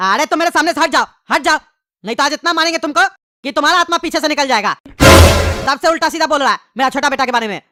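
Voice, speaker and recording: A woman's voice: high-pitched, quick pace, heavy background noise, close to an everyday voice. A woman voicing an exasperated cartoon father who keeps scolding his sons. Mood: angry. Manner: scolding, impatient.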